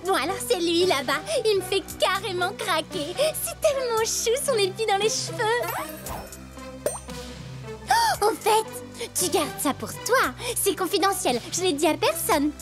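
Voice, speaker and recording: A woman's voice: extremely high pitch, animated, a little slow. A woman voicing a playful teen girl who loves pranks and jokes, in a French cartoon dub. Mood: gossipy. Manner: jokey, playful, gossipy. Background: cartoon music.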